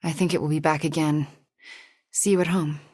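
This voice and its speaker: An actress playing a powerful, guilt-haunted young witch superheroine in a video game, guarded yet tender, with a breathy, husky, measured delivery that often becomes hushed. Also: deep voice, steady tone, no echo, clean studio sound. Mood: wry, guarded. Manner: measured, intimate, often dropping to a hushed near-whisper. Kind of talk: video game character voice lines.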